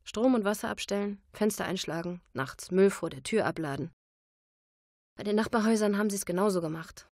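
A woman's voice: medium pitch, brisk, a little mellow, no room sound, studio quality, natural voice. A woman voicing a fiery young bistro owner and single mother who speaks heatedly and indignantly. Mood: dejected.

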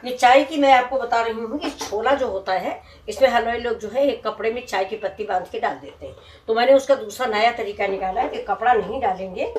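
A woman's voice: fairly high pitch, a little fast. A woman hosting a home cooking demonstration, chatting to viewers and explaining each step. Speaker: cooking channel host. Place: home kitchen with tiled walls. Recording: echoey kitchen with noise.

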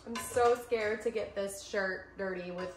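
Cooking lunch at home, she talks casually to the camera with a mid-range, fairly even voice and an unhurried pace, poking fun at herself along the way. The sound comes from a camera mic several feet off, with kitchen echo and quiet cooking noise behind her.

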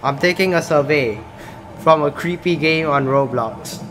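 With background noise behind him, a young man speaks in a higher-leaning voice at a measured pace. He's a Singaporean gaming YouTuber filming gameplay in a small indoor room, reading its questions out and reacting casually with many a "bro."

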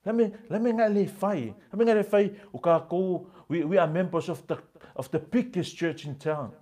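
A man's voice: high-pitched, moderate pace, dark tone, pitched above the performer's own voice. A man voicing a proud churchgoing husband who presses his wife with exasperated, demanding questions. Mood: furious.

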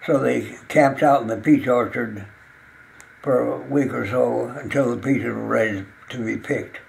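A very old man, around a hundred, reminiscing in an interview, halting and stammering as he searches for words, with an aged voice. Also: medium pitch. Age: very old, about 102. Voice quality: gravelly, aged voice. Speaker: interviewee recalling local music history. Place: small living room, indoors.

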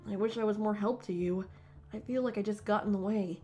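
A woman's voice: medium pitch, steady tone, brisk, mellow, dull audio, faint music behind, natural voice. Woman voicing Chat Noir, an earnest teenage boy hero. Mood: confused. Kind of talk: fan comic dub acting.

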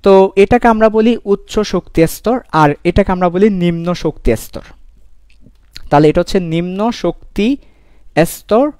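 A young man gives a live online chemistry lecture, animated, playful and given to repeating his points. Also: sits high, unhurried, smooth, no echo, clean studio sound. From Bangladesh. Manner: animated, repetitive, playful teasing. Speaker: chemistry teacher.

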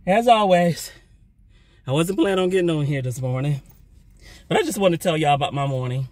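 A middle-aged man giving a casual spoken testimony, talking loudly and telling his story with energy. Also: fairly high pitch, fairly quick, no echo. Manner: loud, animated storytelling. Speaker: churchgoer sharing a testimony.

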